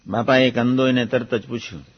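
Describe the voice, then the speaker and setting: A man speaks in a measured, reflective way, giving a devotional discourse. His voice sits at a middle pitch. The recording is dull and muffled. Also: steady tone, breathy edge. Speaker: religious speaker recounting a guru's teachings.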